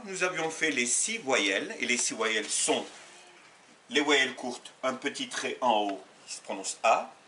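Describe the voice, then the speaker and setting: A man teaching a beginners' language lesson, patient and methodical, repeating sounds slowly and correcting himself as he goes. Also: medium pitch, pushed and bright, far from the mic, slight background noise. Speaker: Arabic teacher. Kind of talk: step-by-step lesson for learners.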